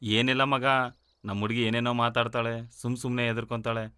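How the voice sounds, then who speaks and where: A man's voice: mid-range voice, level tone, fairly quick, sharp tone, smooth, dry recording, lightly acted. An actor playing an earnest, reassuring young man in love, in a film. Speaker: lead character. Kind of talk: film acting.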